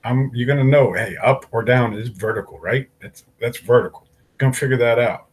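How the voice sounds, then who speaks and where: A man's voice: medium pitch, normal speed, slightly rough, rough recording. A man teaching an algebra lesson, working through graphs step by step and asking the class questions aloud. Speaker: math teacher.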